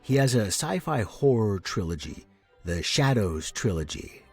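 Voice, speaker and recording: A man hosts a fiction podcast, chatting informally in a casual intro and then narrating a story dramatically. His voice sits on the low side and is husky and very animated, yet unhurried, with soft music in the background.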